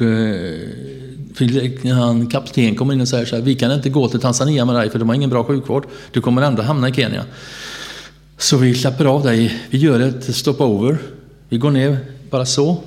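A man telling his personal faith testimony as a preacher, acting out the dialogue of the people in his story and laughing now and then. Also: medium pitch. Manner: animated storyteller who laughs and acts out dialogue.

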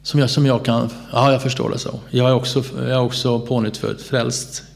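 A man's voice: mid-range voice, creaky. A man telling his personal faith testimony as a preacher, acting out the dialogue of the people in his story and laughing now and then. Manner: animated storyteller who laughs and acts out dialogue.

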